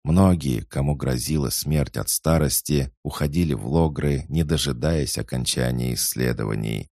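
Ancient alien sage, male, measured and unshakable; a man reads it with a gravelly bass in a dry, close sound. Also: dry recording, exaggerated voice. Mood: solemn. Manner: calm, unhurried, measured. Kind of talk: audiobook character reading.

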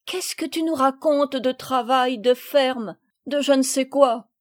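A woman's voice: high-pitched, slow, no echo, studio quality, voice pushed up. A woman reading the part of a blunt young girl who talks brusquely and teasingly.

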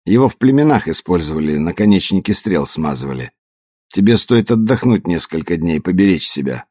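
A man voicing a calm male contact on an emergency line in an audiobook, giving brisk instructions. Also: low voice, husky, no echo, studio quality, full character voice.

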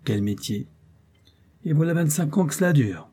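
A man voicing a scheming, smooth-talking doctor who feigns earnest candor, in an audiobook reading. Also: fairly high pitch, animated, normal speed, warm tone, voice pushed up. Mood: brooding. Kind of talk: audiobook character voice.

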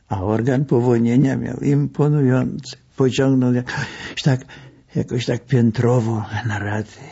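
An older man reading his memoir aloud, wry and unhurried in his storytelling. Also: mid-range voice, warm tone. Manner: wry, slow, gravelly storytelling. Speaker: memoir narrator. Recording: dull lo-fi recording.

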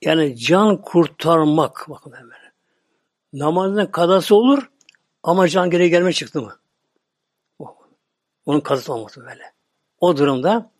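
A Turkish man preaching a religious talk, slow and repetitive, often dropping to a murmur or whisper. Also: fairly high pitch, breathy edge. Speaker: Islamic preacher.

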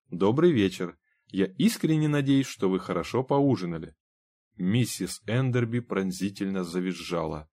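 A man reading a science fiction audiobook aloud, expressive and giving the characters voices. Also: on the low side. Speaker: audiobook narrator. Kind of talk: scripted narration.

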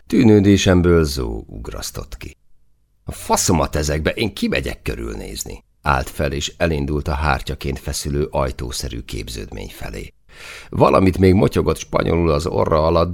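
A man's voice: extremely low pitch, vocal fry. A man reading a first-person novel aloud in a dry, earthy manner with casual swearing. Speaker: audiobook narrator.

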